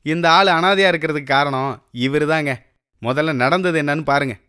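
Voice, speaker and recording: A man's voice: fairly high pitch, brisk, background noise. A man narrating a comedy short film in a teasing, mock-dramatic voice-over.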